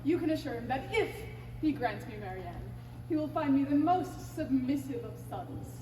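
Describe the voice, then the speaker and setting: A woman's voice: high voice, expressive, moderate pace, dark tone. A woman playing a young son in love who defies his father, in a stage play performance. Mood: earnest. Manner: pleading then defiant. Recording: echoey theater stage from far off, noisy.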